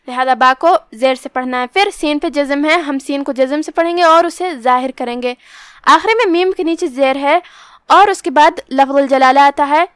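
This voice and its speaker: A woman teaching Quran recitation, slowly and carefully explaining how each letter is pronounced. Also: sits high, no echo, clean studio sound. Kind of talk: step-by-step tajweed lesson.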